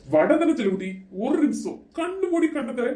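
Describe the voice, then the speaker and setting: Casting: woman playing doting henpecked husband, mellow tone, echoey room. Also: sits high, sing-song, moderate pace, slight background noise. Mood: coaxing. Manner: sweet-talking, coaxing. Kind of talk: comedy skit. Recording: roomy echo.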